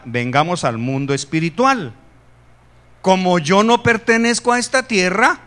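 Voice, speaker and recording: A man from Guatemala preaching a sermon, animated, jumping to loud emphasis and joking asides with the congregation. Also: high-pitched. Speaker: pastor.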